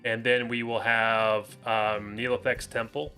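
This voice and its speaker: A man streams a game live, chatting casually and relaxedly with his viewers through a headset mic and addressing them by name. His medium-pitched voice moves at a measured pace over soft background music.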